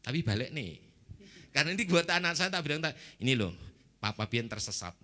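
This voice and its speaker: A man giving a testimony at a church service, quizzing the congregation in a lively way. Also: mid-range voice, brisk. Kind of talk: spoken testimony.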